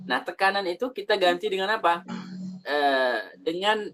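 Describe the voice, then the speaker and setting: A man with an Indonesian accent teaching Quran recitation rules, reading Arabic lines and then explaining them slowly with many fillers. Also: sits high, animated, fairly bright tone, low-quality recording. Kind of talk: tajwid lesson explaining an Arabic text.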